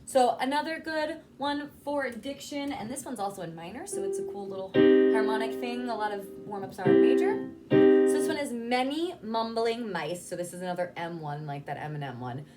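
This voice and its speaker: A woman with a fairly high voice gives a casual lesson as a vocal coach. She explains in an informal way, demonstrating sounds as she goes, with some keyboard music in the recording. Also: expressive, normal speed. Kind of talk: casual instructional talk with demonstrations.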